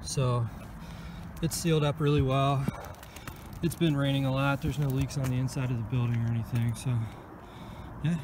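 A man's voice: mid-range voice, steady tone, normal speed, long pauses, noisy background. A man casually narrating a do-it-yourself gas heater install, explaining each step in a plain, matter-of-fact way on a handheld camera. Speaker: DIY vlogger. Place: pole barn, roof and crawl space.

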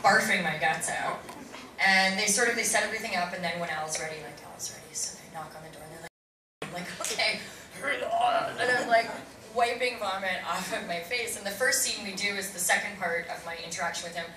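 A woman on a convention panel telling a lively anecdote, acting out quotes and swearing. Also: medium pitch, fairly quick, crowd noise. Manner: animated storyteller, swears, acts out quotes. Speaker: panel guest actor. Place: large convention hall. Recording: echoey hall from far off, noisy.

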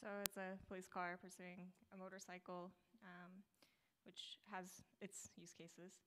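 Her voice is fairly low and fairly bright, delivered completely flat and unhurried. Standing on a small theater stage at a meetup, this young woman walks through a live demo of her startup's product in a conference talk, keeping it casual and upbeat despite plenty of fillers and restarts.

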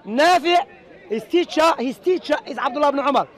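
Guy in his 30s arguing outside, real high voice, talks fast and loud. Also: animated, some chatter behind. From Algeria. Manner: loud and passionate, insistent. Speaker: street debater. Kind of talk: heated street debate. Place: outdoor park among a crowd. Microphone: clip-on lapel mics.

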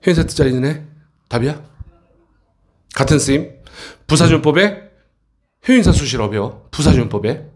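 A man teaching an English textbook passage to middle school students in a classroom, often checking in with quick questions. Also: on the high side, lively intonation.

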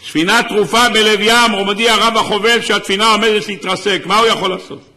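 A rabbi delivers an impassioned sermon in a high, sharp voice that holds a steady tone, crying out at certain moments.

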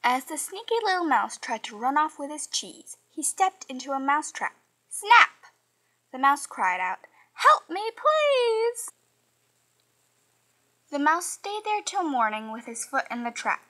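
A woman reading a children's picture book aloud in an expressive, sing-song way. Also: sits high, moderate pace, few pauses, rough recording.

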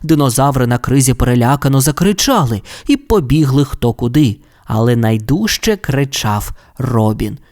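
A man narrating a children's audio fairy tale with expressive, animated storytelling. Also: mid-range voice, normal speed, hardly any pauses.

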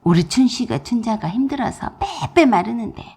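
A bossy old mother-in-law, nagging and contemptuous, in a radio-play story, as a woman narrator puts her on. The voice swings widely in pitch and has a gravelly, husky edge. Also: sing-song, normal speed, mellow, exaggerated voice. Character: scolding older mother-in-law, bossy and scornful.

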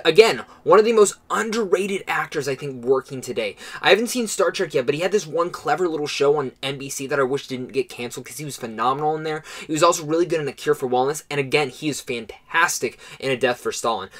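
A young man giving a chatty, enthusiastic movie review to viewers, with frequent restarts. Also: fairly high pitch. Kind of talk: casual movie review vlog.

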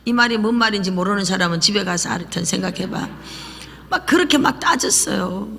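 A woman pastor preaching a lively sermon, often dropping into a whisper and having the congregation repeat after her. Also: medium pitch, fairly quick, vocal fry, a little hiss or hum. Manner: lively preaching, drops to whispers and calls for repetition. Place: church sanctuary. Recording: church hall reverb.

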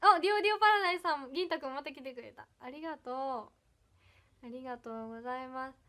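An idol livestreamer from Ehime, Japan, a young woman with a high, bright, crisp and lively voice, talks fast in Iyo dialect with touches of Kansai. She chats casually while reading comments, bubbly and giggly, thanking viewers one by one.

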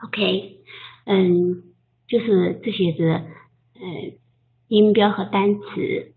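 Slow-spoken woman teacher on a tinny line. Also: medium pitch, steady tone, vocal fry. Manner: patient, coaching, models sounds slowly. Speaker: English pronunciation teacher. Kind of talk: online group lesson. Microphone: voice chat.

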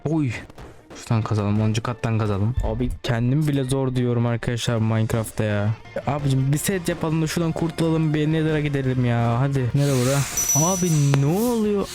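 A man giving casual let's-play commentary, excitable, swearing and talking straight to his viewers. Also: medium pitch, quick pace, soft background music. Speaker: gaming channel host.

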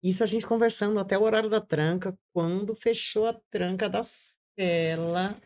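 A woman's voice: mid-range voice, moderate pace, darkish tone. A woman giving an intense personal testimony as an interview guest, repeating phrases and acting out what she once said. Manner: intense, repeats phrases, acts out her own past words.

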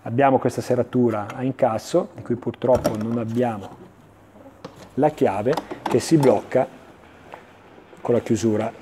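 A man presenting items in an unscripted infomercial style, explaining in a measured way with searching pauses and repetitions. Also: medium pitch, fairly even intonation, noisy background. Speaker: antiques dealer presenting items on a TV sales show. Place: indoor furniture showroom.

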